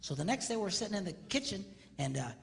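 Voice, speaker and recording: A man in his fifties, a pastor, telling funny marriage stories at a live seminar, jumping his voice high for the punchlines. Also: quick pace, creaky. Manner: animated storyteller, voice leaps high on punchlines. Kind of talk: comedic marriage seminar talk. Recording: long reverb of a large hall, faint noise.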